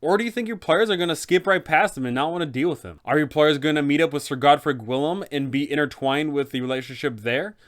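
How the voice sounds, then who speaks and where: With a slightly high voice, this man talks fast and barely pauses as he eagerly offers game masters advice, speaking directly to viewers as the host of a guide.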